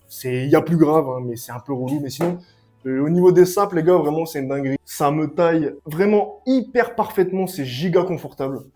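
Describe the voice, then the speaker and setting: A young man giving a casual, excitable clothing review at home, full of slang and hype. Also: a little high. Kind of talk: casual product review vlog. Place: at home, sitting and standing up to show clothes.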